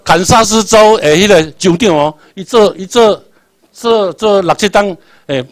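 Man, Taiwanese accent, classroom lecturer, fairly high voice, dry close sound, repeats himself. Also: measured pace, no echo. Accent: Taiwanese Hokkien. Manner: repetitive, quizzes the class, spells out English letters.

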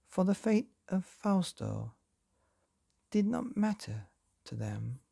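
A man reading a bedtime story aloud as a podcast host, in a slow, gentle storyteller manner. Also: high-pitched, sing-song, vocal fry, breathy edge.

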